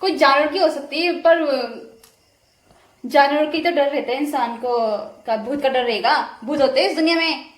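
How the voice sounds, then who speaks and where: A woman's voice: high voice, moderate pace. A woman vlogging on her phone camera, chatting casually and laughing as she retells a scare, first walking outside at night and then at home. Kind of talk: casual vlog chat.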